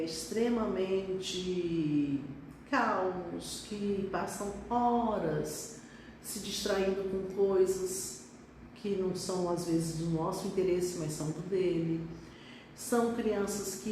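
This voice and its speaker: The voice sits on the low side with a dark tone and a little hiss or hum. She is a middle-aged pediatric neurologist from Brazil, reflecting hesitantly during a live stream recorded on a phone set away from her in an echoey room.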